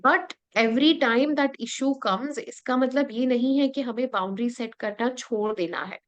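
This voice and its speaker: A woman's voice: a little high, measured pace. A woman with an Indian English accent leading an interactive lesson, explaining step by step and often checking that her listeners follow. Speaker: workshop facilitator.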